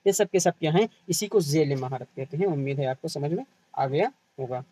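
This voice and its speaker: A man's voice: fairly high pitch, expressive, warm tone, no echo, low-quality recording. A man with an Indian Urdu accent teaching an exam-prep lesson, asking questions and answering them himself, repeating key terms and adding "hai na".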